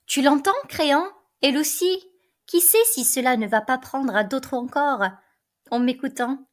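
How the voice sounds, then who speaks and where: A woman's voice: sits high, a little slow. A woman reading aloud the part of a defiant young woman who scornfully insists on dying alone.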